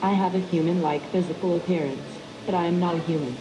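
A synthetic text-to-speech voice of a humanoid care robot, female-sounding, speaking in an even, formal, politely scripted way. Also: lowish voice, fast, poor audio.

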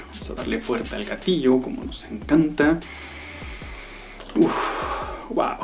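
A man talks through a perfume review with plenty of relish, breaking into savoring sighs and exclamations. His voice sits at an ordinary middle pitch, and faint music plays behind him. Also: darkish tone. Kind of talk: casual review vlog.

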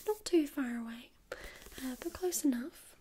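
Friendly, patient female librarian played by a woman, ASMR role-play; slow, mellow library soft voice, faint noise behind. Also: sits high. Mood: hushed, intriguing. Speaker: ASMR performer playing a librarian.

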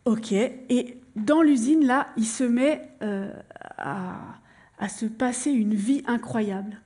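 A woman on stage telling a true story to an audience, animated and acting out the scenes as she goes. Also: fairly high pitch, takes it slowly, husky.

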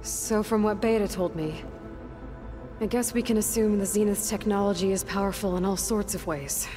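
A woman voices an earnest young female adventurer in scripted video game dialogue, speaking at a moderate pace in a dark, natural tone. Her delivery is plain, low-key, and thoughtful, with a questioning mood. Faint music plays behind her.

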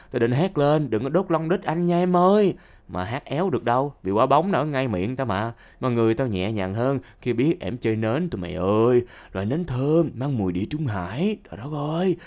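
Male storyteller for comic confessions: slangy, lively, talks straight to the audience, swings from hushed lows to yelps. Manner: slangy and animated, addresses listeners directly; swings between low mutters and sudden high outbursts. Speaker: storyteller reading listener confessions. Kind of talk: comic first-person story narration.

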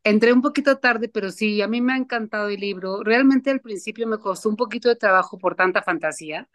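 A woman's voice: mid-range voice, brisk, a bit bright. A woman in a book discussion on a video call, sharing her thoughts casually. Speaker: book club participant.

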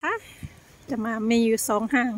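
An older woman from Thailand chatting casually to friends as she vlogs on the move, rambling and thinking aloud into a handheld phone. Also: normal speed. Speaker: vlogger. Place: on the move in a car, shops and town streets. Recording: clear car and ambient noise.

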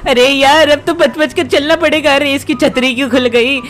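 Woman putting on a mischievous little boy, high squeaky voice, whiny, excitable, panicky cartoonish game commentary. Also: normal speed, faint music behind, natural voice. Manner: whiny, excitable exclamations, talks to viewers. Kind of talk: gameplay commentary in character.

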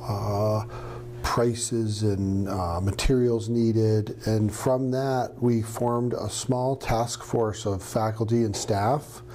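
Mellow-voiced professor from New Hampshire. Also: male voice, on the low side, slow. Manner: relaxed storytelling with fillers. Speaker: radio professor. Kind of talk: interview answers. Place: studio with green screen.

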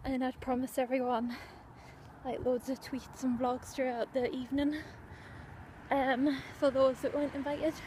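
Young woman, high voice, out of breath, chatty and rambling, phone vlog outdoors, faint wind noise. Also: level tone, measured pace, darkish tone. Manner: chatty, rambling with many fillers. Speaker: vlogger. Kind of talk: casual walking vlog. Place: outdoors on a windy street.

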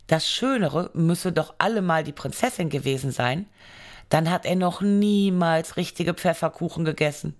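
A woman narrating an audiobook fairy tale, reading it aloud in measured storytelling phrases. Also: deep voice.

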